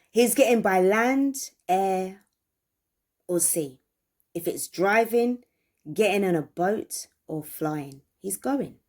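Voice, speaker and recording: A woman's voice: medium pitch, darkish tone. Emphatic woman giving a tarot reading. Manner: emphatic, repeats phrases, asks viewers questions. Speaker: tarot reader.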